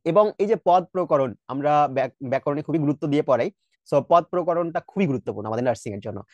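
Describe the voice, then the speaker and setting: A man's voice: on the high side, animated, rapid-fire, a little mellow, dry recording, lo-fi sound. A man with a Bangladeshi Bengali accent teaching an exam prep lesson, explaining step by step, asking rhetorical checks, sounding out word pronunciations, and mixing English words into his speech.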